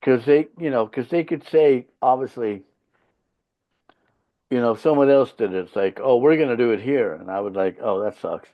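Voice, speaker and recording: Mid-range in pitch and at a normal speed, his voice comes through lo-fi. He's a Finnish rock band leader, Swedish his first language, appearing on a podcast for relaxed interview talk. His storytelling is blunt, profane and emphatic, pressing every point hard.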